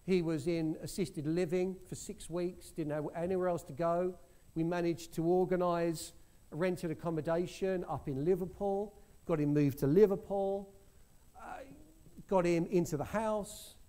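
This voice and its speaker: A man's voice: sits high, mellow. A man preaching, telling a story to his congregation in an earnest way with frequent restarts. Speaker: preacher sharing a testimony. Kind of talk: sermon testimony.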